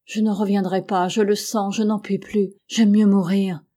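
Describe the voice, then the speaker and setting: A woman's voice: medium pitch, little pitch movement, moderate pace, warm tone, close to an everyday voice. A woman reading as a despairing sick young sailor. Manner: despairing, pleading.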